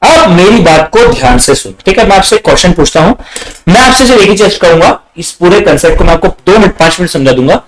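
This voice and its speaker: Man, economics teacher, revision lecture, high voice, very lively intonation, repeats himself, quizzes students. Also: fast talker, poor audio. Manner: animated, repeats points, asks students questions; mixes Hindi with English terms. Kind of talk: online exam revision lecture.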